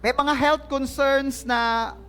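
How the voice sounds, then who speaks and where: This lively church-hall sermon comes from a pastor whose voice is very high-pitched and sharp, with fairly even intonation and a slow pace. Playfully joking with his flock, he draws laughter and responses from the congregation, heard as a faint crowd during the service.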